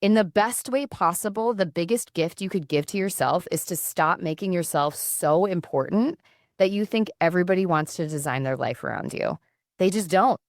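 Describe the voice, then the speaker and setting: A woman's voice: on the low side, moderate pace, no room sound, clean studio sound. A middle-aged woman, a counsellor, talking earnestly and reflectively as a podcast guest. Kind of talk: casual podcast conversation.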